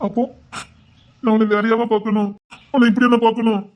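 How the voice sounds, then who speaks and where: A woman with a slightly high, natural voice and little pitch movement plays a caring young village man coaxing and fussing over his sweetheart at a fast pace. The village romance drama scene is muffled in the recording.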